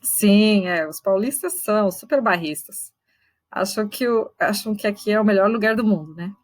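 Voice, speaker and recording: A woman teacher giving an online literature lesson, patiently explaining and slowly sounding out syllables. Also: mid-range voice, dry recording, rough recording. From Brazil. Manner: patient, explains step by step, checks in with students.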